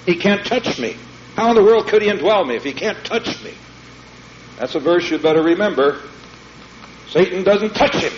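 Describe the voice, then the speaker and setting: A male preacher works through scripture verse by verse, punching key lines loudly and then dropping to quiet asides. The recording is dull and lo-fi, with a faint hum underneath. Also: expressive, moderate pace, pauses often. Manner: emphatic, swings from loud declarations to low asides. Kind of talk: verse-by-verse sermon.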